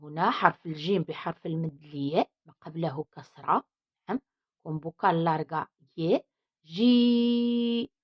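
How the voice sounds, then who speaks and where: A woman teacher with a Moroccan Arabic accent, slowly sounding out letters and words in a reading lesson and explaining in both Arabic and Spanish. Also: low-pitched, slightly rough. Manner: slow, drawn-out syllable-by-syllable reading. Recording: dull lo-fi recording.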